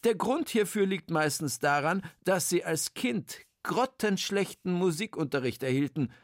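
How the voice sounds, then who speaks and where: A storyteller voicing a kindly, wise old man who directs a music school, speaking calmly. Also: medium pitch, measured pace, no echo, clean studio sound, pitched above the performer's own voice.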